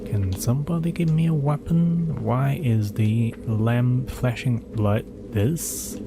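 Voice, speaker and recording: This horror game streamer, a man whose first language is Cantonese, casually reads in-game documents aloud, skips ahead with asides and responds to chat. His mid-range voice moves at a slow pace, with game music and background noise behind it.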